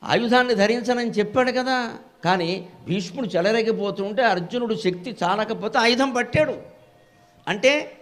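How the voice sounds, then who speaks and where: An older man delivers a devotional discourse, his voice sitting a little high. He tells stories with lively, acted-out dialogue. At times he slows into long, sung verses. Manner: bursts into slow sung verse recitation; animated storytelling with acted-out dialogue. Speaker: Telugu discourse speaker.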